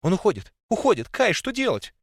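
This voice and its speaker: A man's voice: sits high, fast, fairly bright tone, no room sound, clean studio sound, voice pushed up. A man voicing a frightened young woman who cries out and pleads through tears. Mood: panicked. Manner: pleading, crying out in distress.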